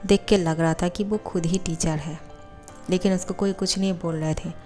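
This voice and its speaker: Brief: female storyteller, fairly low voice, even retelling, faint music bed. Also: moderate pace. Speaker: story narrator. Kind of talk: storytelling narration of fan fiction. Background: faint background music.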